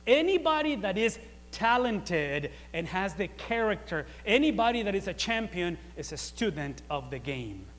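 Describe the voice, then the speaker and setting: A man preaching a sermon, chatty and full of rhetorical questions, swinging from quiet asides to loud emphatic peaks. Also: high-pitched, very animated, moderate pace, in a large hall. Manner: conversational, with rhetorical questions and repeated phrases.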